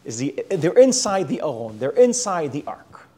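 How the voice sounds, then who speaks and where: A man's voice: on the high side, sing-song, normal speed, warm tone, husky. An Israeli man with an American-sounding accent, lecturing on a Bible book, often restarting words and mixing in Hebrew terms. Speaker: Bible teacher.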